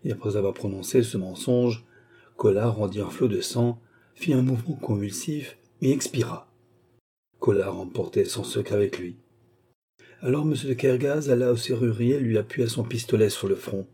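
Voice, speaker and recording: A man reading a classic novel aloud as audiobook narrator, steady and measured. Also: mid-range voice, husky.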